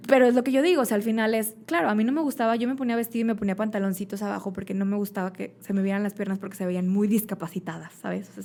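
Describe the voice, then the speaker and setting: A young woman with a Mexican accent, talking as a podcast guest in easy, casual conversation. Her voice has a gravelly, fry-laced texture at a middle pitch. She tells stories with flair and slips into the voices of the people she quotes. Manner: animated storyteller, acts out quoted voices.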